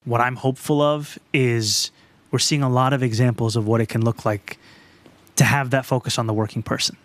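Male politician, mid-pitched, measured and earnest. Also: fairly even intonation, no echo. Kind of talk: speech clip.

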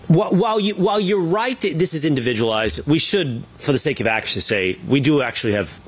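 A man's voice: fairly high pitch, expressive, brisk, slightly rough. A man co-hosting a casual political debate, making his points in a firm, opinionated way. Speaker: co-host.

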